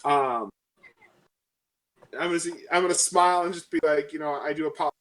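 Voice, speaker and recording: In a rough recording, a low-voiced woman chats casually and role-plays during a tabletop game. She often stops mid-thought and corrects herself.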